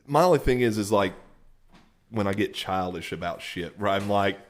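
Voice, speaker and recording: A man's voice: on the low side, animated, normal speed. A man, co-hosting a podcast with self-deprecating, profane jokes. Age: 40s. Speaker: podcast co-host. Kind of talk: casual podcast banter.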